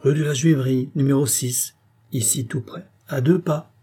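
A man's voice: medium pitch, fairly even intonation, moderate pace, warm tone, breathy edge, voice pushed up, lightly acted. A man voicing a chatty middle-aged apothecary who talks in an amused, gossipy way.

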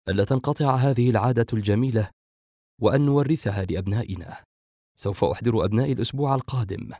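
A man voicing a gentle, wistful eldest brother and father in an audiobook. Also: fairly low pitch, no room sound, studio quality. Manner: wistful, soft-spoken. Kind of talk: audiobook character voice.

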